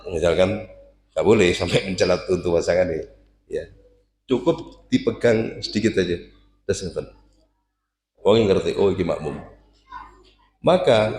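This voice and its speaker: A lower-pitched man teaches young students in a relaxed, joking way, now and then chanting a line to show them how. His voice rings in a roomy, echoey space with a faint hum of ambience behind it. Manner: lively, jokey, demonstrates recitation aloud. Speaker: religious teacher. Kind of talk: casual Quran class teaching. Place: prayer room with students.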